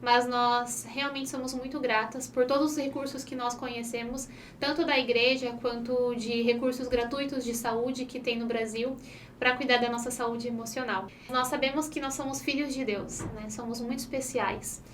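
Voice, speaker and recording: Young brazilian woman hosting a podcast, high voice, sounds a bit off-mic with faint noise. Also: fairly even intonation, normal speed, recorded from a distance. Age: 20s. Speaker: podcast host. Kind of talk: casual podcast chat.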